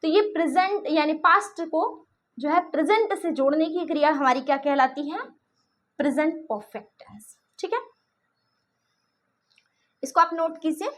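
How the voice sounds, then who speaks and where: A woman's voice: sits high, normal speed, long pauses, a bit bright. A woman teacher explaining a grammar lesson, speaking examples, often repeating herself and checking that students follow. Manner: repetitive, checks understanding often.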